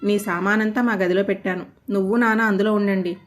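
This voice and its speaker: A woman voicing a doting middle-aged mother who explains things patiently and softly in a storybook reading. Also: mid-range voice, fairly even intonation, fairly quick, lightly acted. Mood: soothing.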